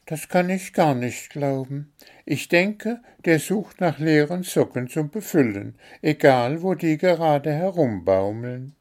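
A man voicing a small, stubborn blue bird in a children's story, talking high and insistent. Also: expressive, slow pace, a little mellow.

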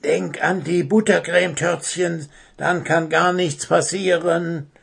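A man's voice: a little high, steady tone, slow, vocal fry, husky, pitched above the performer's own voice, full character voice. A man voicing an earnest little male owlet at a forest school, speaking in an eager, pleading way. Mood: whispering encouragement.

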